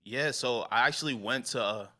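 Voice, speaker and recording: A man in his twenties, a rapper guest chatting casually in a slangy, laid-back way that trails off quietly. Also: medium pitch, moderate pace. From New York. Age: 20s. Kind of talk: casual interview chat.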